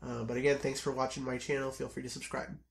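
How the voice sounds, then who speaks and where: A man with a hoarse, scratchy voice from a cold, chatting casually through a knife review with frequent ums. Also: medium pitch, fast talker. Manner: relaxed and chatty, with frequent ums and self-corrections. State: hoarse, under the weather. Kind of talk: casual product review to camera.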